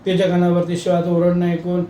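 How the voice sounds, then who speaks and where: High-voiced male comic storyteller. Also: quick pace, reverberant, a little hiss or hum. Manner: lively, dramatic telling.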